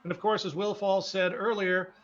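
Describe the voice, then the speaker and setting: A man's voice: sits high, level tone, moderate pace, fairly bright tone, a little hiss or hum. A man hosting a live sim racing broadcast and commentating in an informal, folksy, enthusiastic way. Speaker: race broadcast host and commentator. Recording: dull lo-fi broadcast audio.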